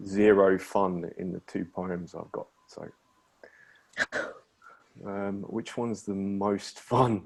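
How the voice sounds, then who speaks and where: A man who is a nervous spoken word poet at an online open mic, speaking in a slightly husky voice. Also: fairly low pitch, a little mellow, poor audio. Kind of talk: spoken word poetry and casual chat between poems. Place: online virtual open mic over video call.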